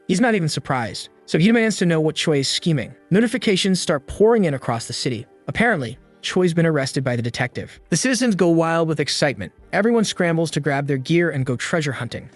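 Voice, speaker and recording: A man giving scripted narration of a story recap in a steady storytelling delivery. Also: a little high.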